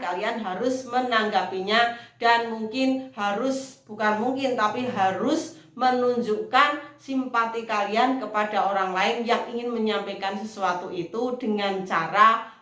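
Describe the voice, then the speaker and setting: A woman teacher, explaining slowly in a recorded lesson and acting out model phrases in a loud, high voice. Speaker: English teacher. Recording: echoey room.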